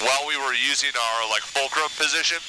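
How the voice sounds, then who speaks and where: A man's voice: medium pitch, a little fast. A man piloting a military jet, chatting casually over an oxygen mask intercom in the cockpit. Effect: oxygen mask radio intercom. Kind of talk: casual in-flight chat. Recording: loud aircraft hiss over cockpit intercom.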